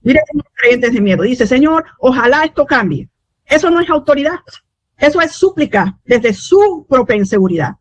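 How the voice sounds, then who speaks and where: A woman preaching a teaching sermon, often pausing with "eh" and saying amen between points. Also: high voice, very animated, no echo. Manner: fillers and restarts, frequent amen.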